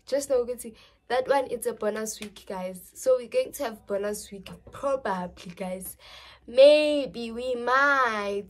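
A young woman from South Africa with a South African accent, chatting casually to camera in her bedroom and switching between English and Zulu. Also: a little high. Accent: South African, mixing in Zulu. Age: young adult. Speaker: vlogger. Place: small bedroom.

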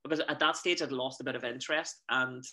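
This stage actor and singer, a man in his thirties from Northern Ireland, talks fast in a pushed, bright voice of medium pitch with fairly even intonation. Speaking in his Northern Irish accent, he's a guest in a relaxed interview on a webcam video call from his small home room, spinning stories loaded with fillers.

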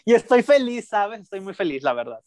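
Co-host, man; high voice that jumps around; playful gossip on a dry video call. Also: very animated, fairly quick, darkish tone, no echo. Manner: playful and chatty, sprinkles 'hermana' and 'sister', swings pitch a lot. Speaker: co-host reviewing a reality show. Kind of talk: casual gossip chat.

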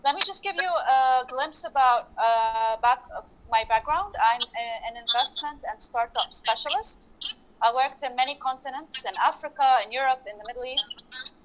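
A woman's voice: sits high, moderate pace, fairly bright tone, poor audio. A woman in her thirties introducing herself on a video call as an investment advisor, polite with hesitant restarts. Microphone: laptop mic on a video call.

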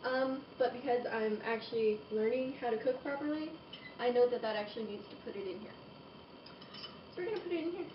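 A woman's voice: on the high side, fairly quick. A young woman narrating a casual cooking demonstration in her home kitchen, chatting and making playful asides as she works. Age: young adult. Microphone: camera across the room. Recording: roomy, distant, dull home video audio with background hiss.

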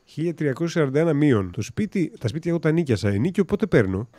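Man, gaming commentator, casual let's-play talk, sarcastic jokes, dark mellow tone. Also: a little high, big pitch swings, a little hiss or hum. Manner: joking, sarcastic, mild swearing.

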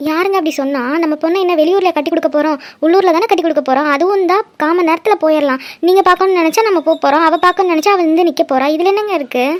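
A woman's voice: very high-pitched, racing, hardly any pauses. A woman voicing a caring wife and mother in a cartoon, reassuring her husband. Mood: comforting. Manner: soothing, reassuring. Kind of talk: cartoon voice acting.

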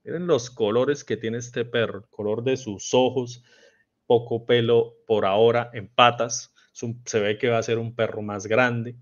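A man's voice: medium pitch, fairly even intonation, measured pace, lo-fi sound. A man with a Colombian accent teaching a live online dog grooming class, quizzing viewers and reading out their answers. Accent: Colombian Spanish.

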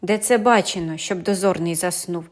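A woman's voice: lowish voice, normal speed, close to an everyday voice. A woman voicing a young man, the eldest brother on night watch, who brags and brushes questions off. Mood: boastful.

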